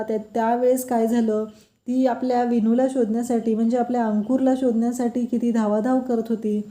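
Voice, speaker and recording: A woman narrating a TV serial episode as a story recap, reading out the characters' lines along the way. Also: a little high. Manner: steady retelling that reads characters' lines aloud. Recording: roomy echo.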